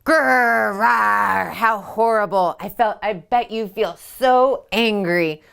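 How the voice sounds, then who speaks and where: A woman's voice: mid-range voice, slow pace, clean tone. A woman voicing an angry picture-book bear who growls and rawrs.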